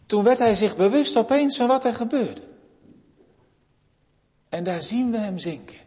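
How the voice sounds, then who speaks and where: A man preaching a sermon to his congregation, earnest, often dropping to a hushed delivery. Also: high-pitched. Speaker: pastor. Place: church. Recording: long reverb of a large church.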